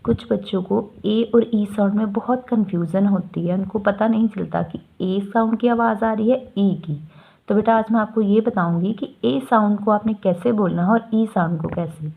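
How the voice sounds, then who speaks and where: A woman teacher giving children a slow, patient phonics lesson, sounding out letters one by one. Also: mid-range voice, creaky, husky. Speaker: school teacher. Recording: tinny phone-like sound.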